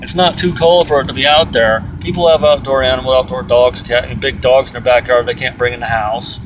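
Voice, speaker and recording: An aggrieved pet owner launches into a casual personal rant, swearing explosively in anger and exasperation, his voice steady in tone and brisk. The mic is distant, with a loud air vent fan and vehicle-like outdoor rumble behind him.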